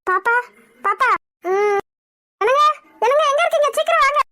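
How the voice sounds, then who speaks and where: A woman's voice: very high-pitched, fairly quick. A woman voicing a caring, anxious middle-aged housewife in a cartoon, fussing in a motherly way. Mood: worried, caring. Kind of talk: cartoon voice acting.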